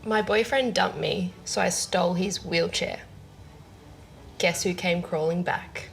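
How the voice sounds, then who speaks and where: A woman's voice: lowish voice, steady tone, measured pace, gravelly, slight background noise. A woman telling dad jokes, giving a setup and then the punchline. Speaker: contestant in a dad joke contest. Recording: music playing behind the voice.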